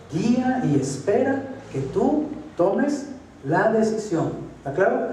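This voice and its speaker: A Colombian pastor preaching in a chatty, conversational way, often asking his listeners if things are clear. His voice sits a little high. The sermon rings through a large echoing hall, picked up from a distance with a faint ambience behind. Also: warm tone, a little hiss or hum. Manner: conversational, asks for assent, acts out voices. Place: church hall. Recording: echoey hall, distant mic.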